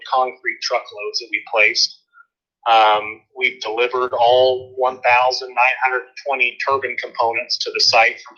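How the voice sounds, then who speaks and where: A man's voice: medium pitch, sharp tone. Man on a muffled speakerphone. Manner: friendly, talks in loose phrases with many fillers. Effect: heard over a speakerphone. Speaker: project manager giving an update. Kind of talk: informal remote presentation. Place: remote, calling into a meeting. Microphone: phone.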